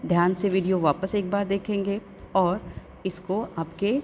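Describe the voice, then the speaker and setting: Woman teacher in a slow, careful lesson. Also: mid-range voice, fairly even intonation, darkish tone, slight background noise. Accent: Urdu-speaking Indian. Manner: slow, careful pronunciation of English words, repeating each twice. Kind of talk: classroom lesson explanation.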